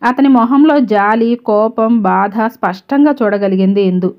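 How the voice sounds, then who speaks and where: A woman's voice: mid-range voice, measured pace. Woman narrating a story, lo-fi. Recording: slightly dull lo-fi recording.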